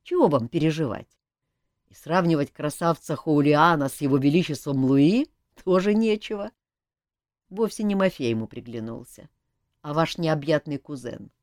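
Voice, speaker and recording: A woman reading an audiobook, voicing a lively, cheeky young male court jester who teases and pleads. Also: low-pitched, normal speed, dry recording, studio quality. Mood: teasing. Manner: animated, teasing, pleading.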